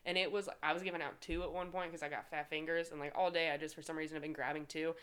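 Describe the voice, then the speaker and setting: A woman's voice: sits low, racing, clear, resonant tone. A woman chatting casually, telling workplace stories and acting out what others said. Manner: animated storyteller, acts out quotes. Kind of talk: casual chat.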